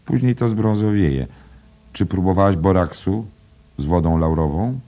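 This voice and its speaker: A man's voice: low-pitched, animated, moderate pace, dark tone, pitched above the performer's own voice. A man voicing a squeamish young barmaid who begs not to hear more, in an audiobook reading. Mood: chatty. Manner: pleading, squealing. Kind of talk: audiobook character voice.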